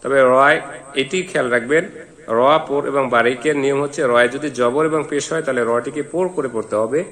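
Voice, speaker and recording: A man's voice: medium pitch, steady tone, brisk, fairly bright tone. A man teaching Quran reading, spelling out letters and vowel marks syllable by syllable before chanting each verse. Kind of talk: slow syllable-by-syllable recitation lesson. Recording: long hall reverb.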